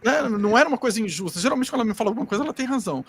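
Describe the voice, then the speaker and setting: A man's voice: extremely high pitch, lively intonation, very fast, a bit bright, a little hiss or hum. A Brazilian man giving a casual spiritual talk, rambling and acting out bits of dialogue as he goes. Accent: Brazilian Portuguese. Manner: rambling, acts out quoted dialogue. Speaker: spiritual group speaker.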